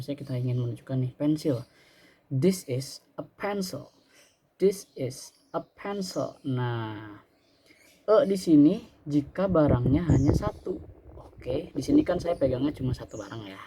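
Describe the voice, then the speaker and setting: A man teaching a simulated English lesson, drilling words with slow repetition and answering his own questions. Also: fairly high pitch, mellow.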